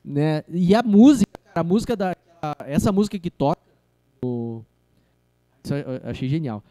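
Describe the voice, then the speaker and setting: A man's voice: fairly high pitch, lively intonation, normal speed, warm tone, no echo. A man co-hosting a podcast, explaining film details in a chatty way, often restarting his sentences. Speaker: podcast co-host. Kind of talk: casual film discussion.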